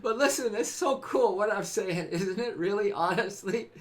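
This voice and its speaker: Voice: mid-range voice, normal speed. A host from California giving a spiritual, motivational live-stream talk. The host laughs often, repeats phrases, and speaks to viewers by name.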